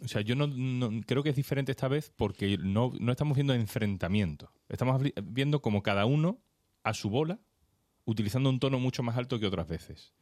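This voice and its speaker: A man commenting on a political panel, analytical and talking in quick bursts. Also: mid-range voice, animated, darkish tone, no echo, studio quality. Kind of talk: panel discussion.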